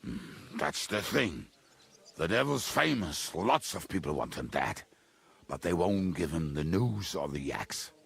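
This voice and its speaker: An actor playing a bitter, gruff henchman in a video game, heavily drunk, with a gravelly voice. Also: sits low, lively intonation, unhurried, exaggerated voice. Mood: grim. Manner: blackout drunk, slack drunken speech. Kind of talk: video game dialogue acting.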